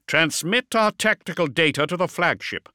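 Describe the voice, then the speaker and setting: Guy doing a curt warship captain, short commands, bright edge. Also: a little high, expressive, normal speed, no room sound, clean studio sound, pitched above the performer's own voice. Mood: curt commanding. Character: male starship lord captain, curt and commanding.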